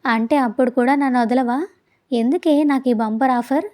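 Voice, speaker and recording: Woman reading the part of a stern young man in a romance audio story, gruff and scolding, rather high voice, mellow tone. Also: normal speed, natural voice. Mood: teasing. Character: irritable young man, stern yet softening.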